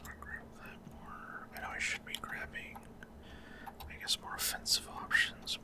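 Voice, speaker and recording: This is a male ASMR streamer commenting on gameplay in a gentle, unvoiced whisper. He takes his time, sounds unsure, and often trails off mid-thought.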